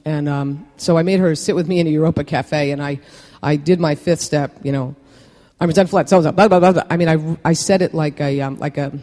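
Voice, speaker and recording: A man sharing his own recovery story with a meeting. He talks candidly and mocks himself, stopping and restarting often, his voice sitting a little higher than most men's. The sound rings with the long reverb of a meeting hall. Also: fairly even intonation, dark tone. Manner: candid, self-deprecating, halting with many fillers.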